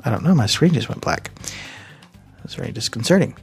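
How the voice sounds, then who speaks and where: A podcast co-host, a man with a medium-pitched, expressive voice, tells a long, casual story at a fairly quick clip, drifting into asides and correcting himself. Faint music plays behind him, and he's recorded on a studio mic plugged into a computer.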